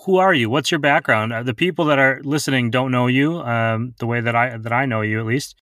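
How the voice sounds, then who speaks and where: A man's voice: mid-range voice, fairly quick, fairly bright tone, no room sound, clean studio sound. A man hosting a podcast, introducing his guest and asking friendly, upbeat questions. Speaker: podcast host.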